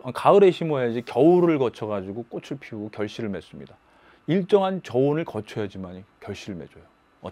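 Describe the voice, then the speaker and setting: A man teaching a high school biology lecture in a lively, playful way, breaking into sudden shouts and silly voices.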